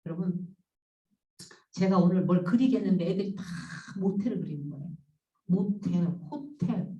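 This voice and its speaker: A woman counselor giving a storytelling lecture, animated and acting out the voices she quotes. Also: on the low side, moderate pace, highs cut off. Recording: roomy sound from a distance.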